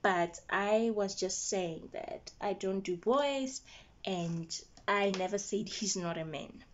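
A young adult woman vlogging at home while doing her makeup, retelling a story with quoted dialogue in an animated, indignant way. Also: mid-range voice, slow pace, dull audio, slight background noise. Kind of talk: get-ready-with-me storytelling.

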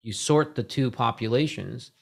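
A man's voice: medium pitch, moderate pace, vocal fry. A middle-aged man hosting a casual video call conversation from a home room, talking in loose, rambling sentences full of "right?" tags and restarts. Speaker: host. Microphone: desk microphone on boom arm.

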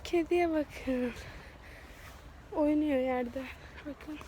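A woman's voice: high-pitched, very slow, warm tone, slight background noise. A young woman with a cold, congested and sore-throated, chatting casually as she walks outdoors and films herself on a phone at arm's length. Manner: rambling, chatty, self-mocking. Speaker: vlogger. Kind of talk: casual walking vlog. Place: outdoors on town streets. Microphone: phone held at arm's length.

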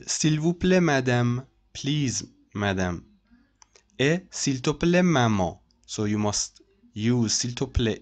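Male French tutor, unhurried, mid-pitched, repeats and translates, typing heard. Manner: slow, repeats each phrase and translates it. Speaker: French teacher. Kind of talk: screen-share language lesson.

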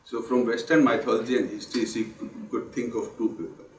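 A man with a husky voice, hoarse from a sore throat and flu, giving a formal memorial lecture in a measured, earnest way. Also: mid-range voice, little pitch movement, recorded from a distance, a little hiss or hum. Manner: measured, earnest, with pauses and restarts. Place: lecture hall. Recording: roomy hall sound, speaker off the mic.

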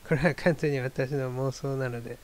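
A man's voice: mid-range voice, fairly even intonation, normal speed, darkish tone. A man hosting his own talk show, musing in a wry, rambling, self-deprecating casual monologue. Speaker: solo talk show host.

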